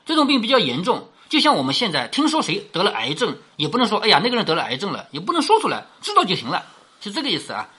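A woman's voice: mid-range voice, wildly swooping pitch, fast, a bit bright, slightly rough. A woman telling and explaining a classic novel in a chatty way, often asking rhetorical questions. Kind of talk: explanatory storytelling lecture.

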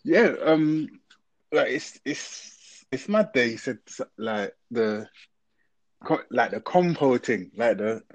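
Male podcast panellist, London roadman accent, casual slang, hesitant phrasing, mid pitch, dry sound. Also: lively intonation, slow pace, dry recording. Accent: London roadman, urban slang. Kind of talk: casual chat.

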